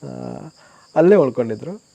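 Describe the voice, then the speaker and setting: A man's voice: on the high side, expressive, normal speed, mellow, husky, dry recording, muffled recording. A man who runs a homestay, earnestly telling stories of his guests in a casual interview. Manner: earnest, reflective storyteller. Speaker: homestay owner.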